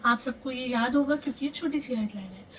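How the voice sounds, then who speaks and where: A woman teaching a Quran reading lesson step by step, patiently repeating terms and slowing down on key phrases. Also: sits high, distant mic, slight background noise, low-quality recording. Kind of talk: online lesson, explaining step by step.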